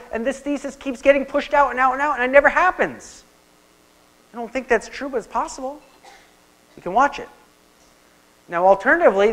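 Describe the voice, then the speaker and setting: A man giving a conference talk on investing, animated and storytelling, asking the audience questions. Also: sits high, rough recording. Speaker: guest speaker on investing.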